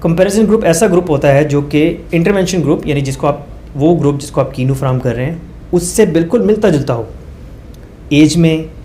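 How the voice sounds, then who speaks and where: A man's voice: fairly high pitch, a little fast, warm tone, a little hiss or hum. A male doctor explaining research methods as a guest, walking through numbered points with everyday examples and hesitant fillers. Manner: hesitant fillers, mixes English phrases.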